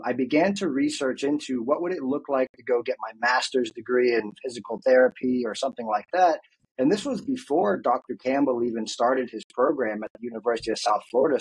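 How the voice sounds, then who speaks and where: Man, thirties, husky voice, earnest reflective storyteller, video call. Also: mid-range voice, darkish tone, low-quality recording. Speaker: guest, fitness coach. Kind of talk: casual interview. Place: home office, indoors. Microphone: headphones, video call.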